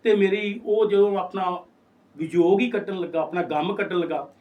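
A man's voice: sits high, steady tone, normal speed, distant mic, phone-quality sound. A man in his sixties, a poet, telling stories in a casual interview and acting out the voices of people he quotes. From Punjab, India. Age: 60s. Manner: storytelling, acts out quoted voices.

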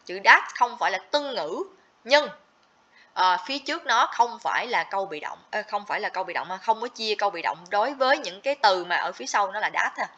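A woman's voice: mid-range voice, expressive, brisk, pushed and bright. A woman teaching a livestream grammar lesson, explaining step by step and checking in with students often. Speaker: TOEIC teacher. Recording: slightly dull lo-fi audio.

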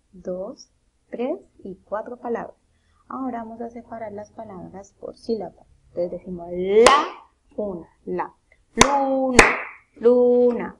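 A woman preschool teacher gives an online lesson, slowly sounding out letters and syllables in a sing-song voice for children and their mothers at home. Her voice is mid-range, and the audio is very noisy.

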